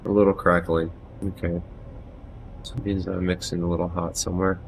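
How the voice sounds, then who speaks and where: On his live stream from a small home room, a game streamer in his thirties talks loudly and loosely into a headset mic, putting himself down and cursing often. His voice sits low with vocal fry and a flat, fairly quick delivery. The audio is poor, carrying a little hiss or hum.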